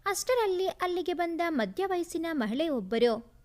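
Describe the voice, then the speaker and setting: A woman narrating a family story in an expressive, lyrical way. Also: very high voice, a little slow.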